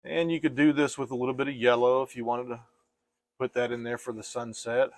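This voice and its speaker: A man teaching painting step by step in a casual, gentle and reassuring way, like an easygoing instructor. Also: medium pitch, level tone, brisk, no echo, studio quality.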